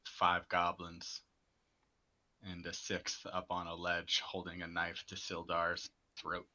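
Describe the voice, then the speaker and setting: Game master, man, low voice, forceful bright tone, halting relaxed narration.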